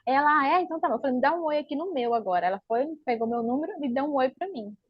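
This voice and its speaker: Speaking very fast in a high voice, this Brazilian-accented woman recounts her personal church testimony to her pastor, playing out the dialogue like a lively storyteller. She is a church member, and the recording is dry, dull and lo-fi with no room sound.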